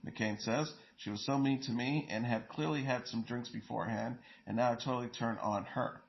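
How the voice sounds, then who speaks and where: A man's voice: mid-range voice, steady tone, normal speed, creaky, muffled recording, a little hiss or hum. A man hosting an entertainment news show, reading stories and quotes in a plain delivery with small slips and fillers.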